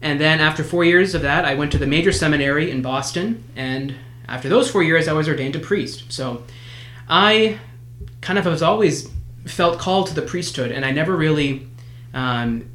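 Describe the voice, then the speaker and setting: Fluent priest from New Hampshire. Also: male voice, on the high side, normal speed. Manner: steady, fluent and sincere. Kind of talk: casual conversational storytelling. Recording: roomy echo.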